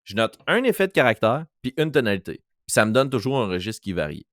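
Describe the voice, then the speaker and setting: A man's voice: fairly low pitch, big pitch swings, quick pace, a bit bright, dry recording, studio quality. A man with a Quebec French accent, a game master chatting on a podcast and demonstrating voices as he explains. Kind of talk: casual podcast chat.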